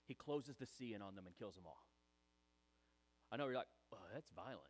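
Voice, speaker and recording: A man preaching a sermon, animated and chatty, acting out the voices of people in the story. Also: mid-range voice, fairly quick. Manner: animated, acts out quoted voices, chatty asides. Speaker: pastor.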